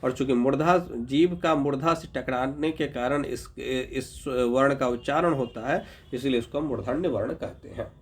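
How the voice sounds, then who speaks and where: A man teaching a grammar lesson, patiently sounding out letters and checking in with his students. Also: mid-range voice. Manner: patient, repeats sounds slowly, checks in with "ठीक है"; addresses viewers as "Babu". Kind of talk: explanatory lesson.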